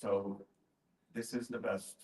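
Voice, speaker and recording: A man with a fairly low voice speaks from the audience in a roomy, echoing space. He asks casually and explains his problem earnestly, one step after another. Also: level tone, takes it slowly, darkish tone. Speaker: workshop attendee asking a question. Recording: roomy, echoing live event sound.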